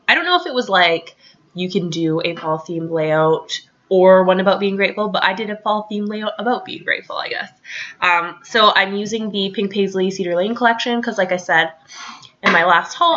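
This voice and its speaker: A woman's voice: medium pitch, pushed and bright, lo-fi sound. A young woman chatting casually over her scrapbooking, rambling with lots of ums and likes. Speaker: crafting vlogger.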